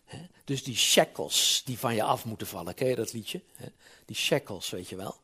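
Husky, animated Dutch-speaking preacher man. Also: lowish voice, moderate pace. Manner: conversational, frequent "hè?" asides, rising to emphatic peaks. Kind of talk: sermon. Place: church.

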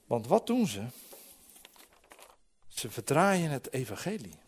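A man in his forties preaching a sermon, telling stories lively and acting out voices, often restarting his words. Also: medium pitch, takes it slowly, slightly rough. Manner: lively storytelling with acted-out voices; frequent restarts and repeated words.

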